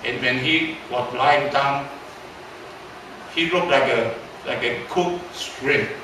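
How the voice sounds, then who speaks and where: In a strongly echoing church hall, a distant microphone records an elderly pastor in his seventies whose Taiwanese accent colors a narrative sermon. He pauses and repeats words often, asking his listeners questions in a middle-pitched voice over clear background noise.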